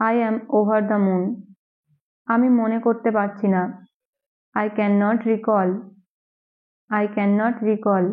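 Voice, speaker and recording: A woman English teacher, a native Bengali speaker, reading daily phrases and repeating each one twice, very slowly. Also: medium pitch. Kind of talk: slow drill reading of phrases. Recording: tinny phone-like recording.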